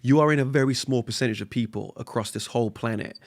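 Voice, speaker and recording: An earnest man speaks with a gravelly, creaky edge to his voice. He talks motivationally, circling back and repeating words as he works out his thoughts. The sound is dry and close, with no room around it. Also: medium pitch, fast, dry recording. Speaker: podcast guest, spoken word artist. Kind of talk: casual conversation.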